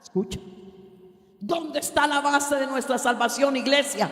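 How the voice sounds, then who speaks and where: A woman's voice: high voice, a little slow, fairly bright tone. A woman preaching a fervent sermon to her congregation, stretching out her key words. Her voice rings through a roomy church hall with a long reverb tail. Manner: fervent, addresses the congregation directly; drags out key words for emphasis.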